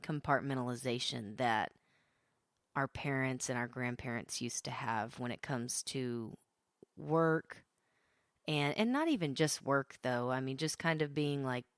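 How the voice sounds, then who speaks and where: Woman, thirties, low smooth voice, hesitant, thoughtful co-host. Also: unhurried, dry recording, studio quality. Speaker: podcast co-host. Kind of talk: casual conversation.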